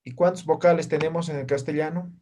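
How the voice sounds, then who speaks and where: A man's voice: on the high side, fairly even intonation, fast, noisy background. A man teaching an introductory language class, who keeps checking in with his students through short tag questions. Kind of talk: classroom lecture.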